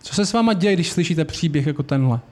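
Male preacher with a high voice, earnest and conversational, posing questions to the congregation. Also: expressive, darkish tone. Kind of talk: sermon.

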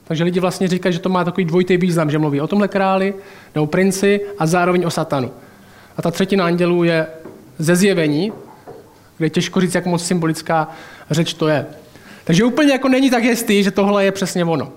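Chatty man preaching, slightly high voice. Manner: colloquial and chatty, with personal anecdotes and asides. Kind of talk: sermon.

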